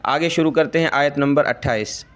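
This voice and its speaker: A man teaching Quran recitation. He explains each rule slowly, checks in with "ठीक है" over and over, and chants the verses long and drawn out. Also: on the high side, a bit bright. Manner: says "ठीक है" often to check the listener. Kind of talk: Quran tajweed lesson.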